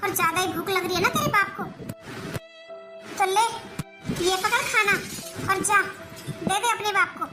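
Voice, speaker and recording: A woman's voice: extremely high pitch, a little slow, pauses often, loud music behind the voice. A woman playing a cruel, sneering sister-in-law. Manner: sneering, scolding. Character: greedy, haughty young sister-in-law, cruel. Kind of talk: family drama acting.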